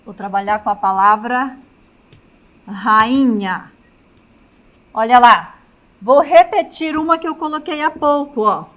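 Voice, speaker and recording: Slow-spoken Brazilian woman teacher. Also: a little high, fairly bright tone. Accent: Brazilian Portuguese. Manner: checks in with students often, writes on a chalkboard. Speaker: grammar teacher. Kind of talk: classroom lecture.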